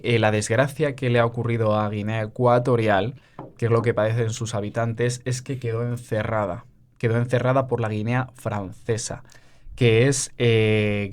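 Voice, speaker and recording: A man's voice: medium pitch, darkish tone. A man co-hosting a podcast, explaining history in casual chat with frequent fillers. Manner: explains with many fillers and asides. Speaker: podcast co-host.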